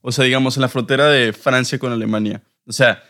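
A man's voice: mid-range voice, fairly even intonation, brisk, a bit bright. A young man with a northern Mexican accent and a mid-range voice. He talks like a podcast co-host in a casual chat, informal and full of slang, swearing freely.

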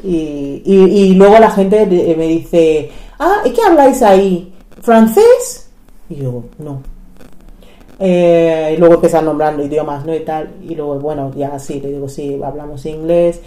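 A middle-aged woman from Nigeria chats in Spanish, her second language, with a low, mellow voice. She tells anecdotes in an animated way, acting out other people's lines between fillers. The room around her is echoey. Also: measured pace. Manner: animated storytelling, acts out quoted people, many fillers. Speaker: podcast guest. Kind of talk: casual conversation.

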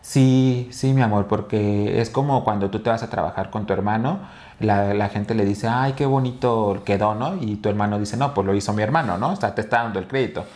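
A man's voice: lowish voice, fairly quick, darkish tone. A young man with a Mexican accent, co-hosting a podcast and telling stories in a rambling way, full of fillers and restarts. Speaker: podcast co-host. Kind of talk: casual chat.

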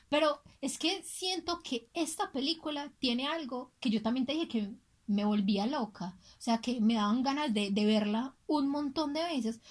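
Woman, high voice, podcast co-host, chatty gossipy storytelling. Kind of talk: casual chat.

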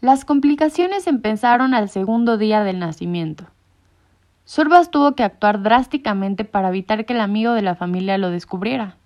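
A woman narrating a storybook with expressive storytelling. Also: mid-range voice, moderate pace. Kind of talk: storybook reading. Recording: muffled lo-fi recording.

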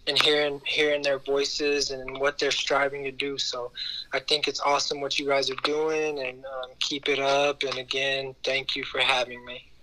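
A man's voice: mid-range voice, flat delivery, normal speed, bright, forceful tone, rough recording. A man speaking casually as a podcast guest, encouraging and often repeating his phrases. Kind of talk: casual conversation.

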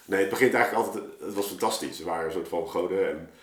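A man who makes audio dramas tells stories as a podcast guest, rambling colloquially and thinking aloud in a casual chat. His voice is deep and his pace quick, recorded in a roomy, echoey space.

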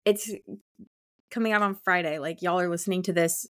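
A school teacher co-hosting a casual book chat podcast speaks in a fairly low, fairly quick voice. She's informal and effusive, saying "like" constantly.

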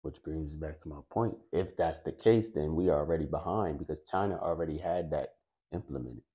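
A man's voice: very deep voice, brisk, dark tone, highs cut off. A man co-hosting a podcast in casual chat, pushing back and arguing his own point. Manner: argumentative, pushes back. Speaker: podcast co-host.

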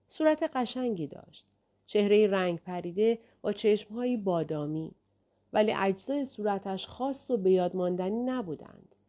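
A woman narrating a novel in a calm, steady reading voice. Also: mid-range voice. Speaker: audiobook narrator. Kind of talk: scripted narration.

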